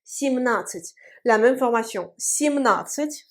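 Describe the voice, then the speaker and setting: A woman teaching a language video lesson, patiently repeating each word and drilling pronunciation at a board. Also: a little high. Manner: patient, drills words slowly and repeats them. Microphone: writing on a board.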